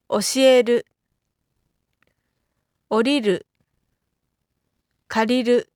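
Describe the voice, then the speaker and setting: A woman reading out lesson vocabulary carefully, one isolated item at a time with pauses between. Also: a little high, darkish tone, no echo, studio quality. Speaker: Japanese vocabulary reader. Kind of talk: scripted word-list reading for a language lesson.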